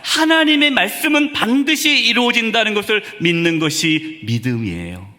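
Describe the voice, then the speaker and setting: A man's voice: high-pitched, very animated, normal speed, bright, forceful tone. A male pastor delivering a Sunday sermon in a church, asking the congregation one rhetorical question after another. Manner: preaching with many rhetorical questions. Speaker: senior pastor. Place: church sanctuary. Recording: reverberant church hall.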